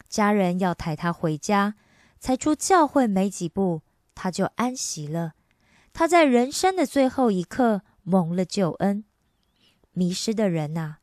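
Woman radio preacher, earnest and exhorting, mid pitch, dry booth sound. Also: a little mellow, no room sound. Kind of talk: devotional reading and preaching.

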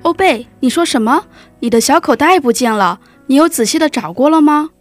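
A woman's voice: on the high side, normal speed, dry recording, faint music behind, natural voice. A woman doing a worried village shopkeeper. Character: anxious shopkeeping villager friend. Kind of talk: storybook reading.

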